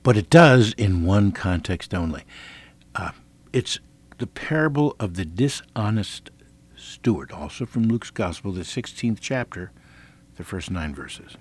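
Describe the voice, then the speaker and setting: A man's voice: on the low side, lively intonation, unhurried, slightly rough. An American man preaching conversationally on the radio, reading scripture and repeating key phrases with emphasis. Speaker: preacher hosting a radio teaching program.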